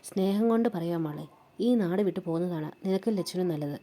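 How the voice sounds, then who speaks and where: Woman reading as a kind middle-aged neighbor, gentle and advising, mellow dark voice. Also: lowish voice, brisk. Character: kindly middle-aged village woman, sympathetic.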